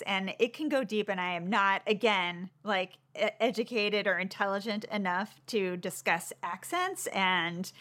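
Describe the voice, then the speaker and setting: A woman's voice: medium pitch, fairly bright tone. A woman co-hosting a podcast, chatting casually about a TV show with rambling, self-deprecating asides. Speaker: podcast co-host.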